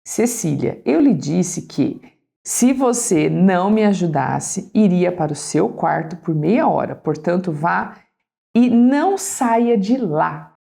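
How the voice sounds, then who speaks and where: A woman's voice: on the low side, animated, slow, vocal fry, dark tone, heavily acted. A woman voicing a tense, worn-down mother who scolds her daughter, reading aloud from a parenting book. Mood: exasperated. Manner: strained, scolding.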